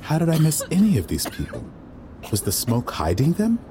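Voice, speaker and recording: In an audio drama with inner monologue, a man voices a young waiter with secret powers who is guilt-ridden and full of self-doubt. His fairly high voice swoops wildly in pitch at a moderate pace, sounding bitter, frustrated, brooding and rueful, hesitant with others, on a very noisy recording.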